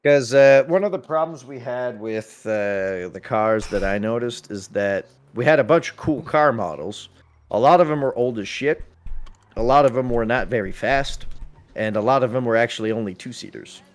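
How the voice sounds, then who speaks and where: A man with a medium-pitched voice chats casually while gaming at normal speed. As the police lead on a roleplay server, he explains things emphatically and repeats himself to make sure he's clear.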